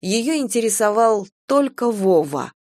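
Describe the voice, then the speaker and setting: A woman narrating a dark story as an audiobook, in a measured, dryly ironic way. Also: a little high, animated, no echo, studio quality.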